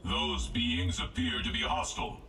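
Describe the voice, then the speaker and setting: A man's voice: rumbling low, wildly swooping pitch, moderate pace, slight background noise, exaggerated voice, low-quality recording. A man voicing an evil AI robot in a video game, cold, contemptuous and menacingly detached. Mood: cold contempt. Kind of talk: video game character acting. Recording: loud game music behind.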